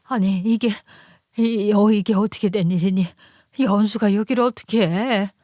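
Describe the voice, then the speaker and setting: A woman voicing a frightened, trembling older mother-in-law who speaks in a hushed, pleading voice. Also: mid-range voice, steady tone, normal speed, no room sound, clean studio sound, natural voice.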